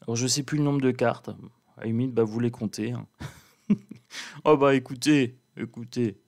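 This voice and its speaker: A man with a calm, slightly sleepy morning voice, chatting easily and playfully to his viewers. His pitch sits in the ordinary middle range, and he takes his time, relaxed and friendly, as he shows a deck of cards. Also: moderate pace. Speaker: cartomancer presenting an oracle deck. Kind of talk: casual chat to viewers.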